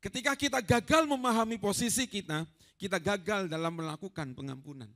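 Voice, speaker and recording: High gravelly preacher, lilt. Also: male voice, fairly quick. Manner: lively, storytelling, addresses listeners as saudaraku. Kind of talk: sermon. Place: church hall.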